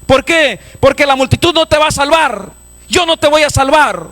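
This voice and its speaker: A high-voiced man preaches a fervent evangelistic sermon in a church. He calls out in raised, insistent bursts, then drops to quiet, low-voiced asides to his congregation. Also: expressive, moderate pace. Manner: preaching with sudden loud raised passages and soft low asides. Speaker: pastor.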